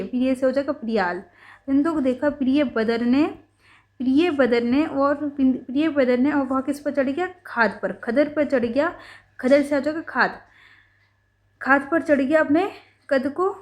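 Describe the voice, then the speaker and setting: A woman's voice: high-pitched, a little mellow. A young woman teaching ayurveda through playful mnemonic stories, repeating and correcting herself as she goes. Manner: playful storytelling with repetition and self-corrections. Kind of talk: mnemonic lesson explanation.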